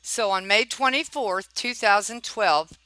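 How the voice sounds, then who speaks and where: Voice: mid-range voice, a little slow, pushed and bright, dry recording, rough recording. A person giving informal commentary while reading documents aloud, pointed and questioning, often tagging remarks with check-in questions. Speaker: narrator reviewing property records.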